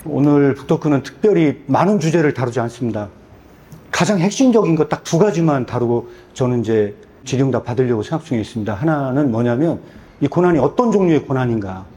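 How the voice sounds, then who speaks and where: 솔직하게 이야기하는 굵고 어두운 목소리의 남자. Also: male voice, mid-range voice, dark tone. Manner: candid, storytelling with self-deprecating humor. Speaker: book translator and publisher. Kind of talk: personal testimony at a book talk. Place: church hall.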